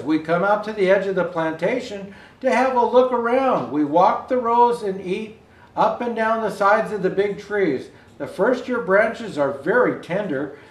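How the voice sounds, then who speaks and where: An older man dressed as Santa reads a children's picture book aloud in a high voice, reading expressively and adding asides to viewers. The room gives the recording a roomy indoor echo.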